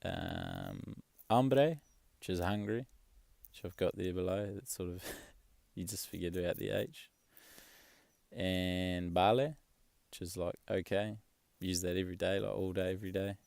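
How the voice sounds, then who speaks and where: Young man, very deep voice, gravelly, casual rambling vlog chat, dry close sound. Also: moderate pace, no echo. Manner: relaxed, rambling, swears casually. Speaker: travel vlogger.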